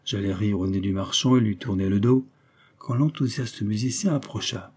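A man's voice: moderate pace, husky. A man reading a nineteenth-century short story aloud as narrator, lifting his voice to act out the characters. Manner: voices characters with shifts in pitch and loudness. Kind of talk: audiobook reading of a classic story.

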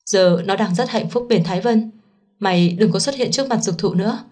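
A woman voicing an angry, frantic mother who scolds in a shrill voice in a storybook reading. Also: a little fast, darkish tone, lightly acted. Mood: furious.

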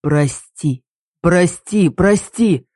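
A woman voicing a dangerous but remorseful young man in an audiobook, speaking low and soft. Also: expressive, drawn-out words, dry recording, studio quality, exaggerated voice.

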